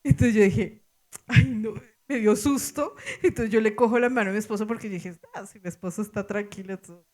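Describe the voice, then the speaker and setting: Colombian lady pastor telling a story in church, lots of laughs and exclamations, mid-pitched voice. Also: brisk, a little mellow. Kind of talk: sermon storytelling.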